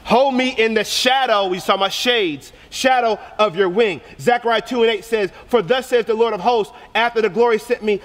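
A man's voice: sits high, normal speed, hardly any pauses, a bit bright. A man preaching a passionate youth sermon, repeating phrases for emphasis. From Korea. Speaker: youth pastor. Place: church hall. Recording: long reverb of a church hall.

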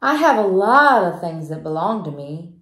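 A woman reading a children's picture book aloud in a slow, gentle way, stopping to ask young listeners questions. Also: lowish voice, very animated. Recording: roomy echo.

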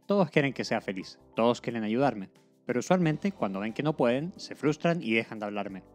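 A man voicing a calm, deadpan young man who speaks matter-of-factly. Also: mid-range voice, fairly quick, faint music behind, natural voice.

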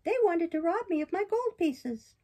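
A woman voicing a naughty, excitable wooden puppet boy in a storybook reading, with a high, eager delivery. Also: moderate pace. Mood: excited.

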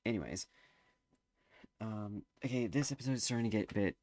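A man's voice: lowish voice, brisk, darkish tone, dry recording. A teenage boy giving casual gameplay commentary, rambling and hesitant with lots of fillers. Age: teens. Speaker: gameplay streamer.

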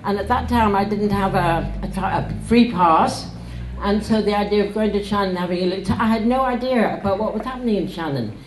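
An older woman speaks at her book launch in a bookshop, chatty and wry, laughing between passages she reads aloud to a standing crowd, using a stand mic at a lectern. Her voice is mid-range and fairly quick. The recording is low quality, with slight background noise.

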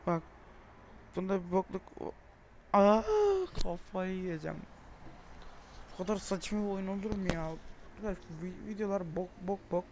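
A young man giving frustrated gameplay commentary, swearing, groaning and shouting in exasperation as he plays. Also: high-pitched, steady tone, moderate pace, pauses often, slight background noise. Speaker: gaming video creator.

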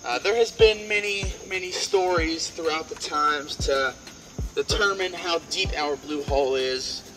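This tour guide speaks unhurriedly in a fairly high, bright, forceful voice, spinning playful stories for his group outdoors and in a cave. The rough recording comes from a visitor's camera a few meters away, with background music underneath.

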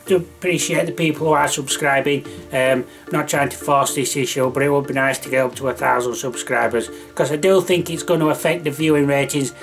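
A man in his thirties talks straight into a close camera at home, in a middle-pitched voice with faint music behind him. He rambles along in a casual vlog, full of ums and restarts. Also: fairly bright tone. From England. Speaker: mobile DJ and vlogger. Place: small room at home. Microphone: camera close to the face.

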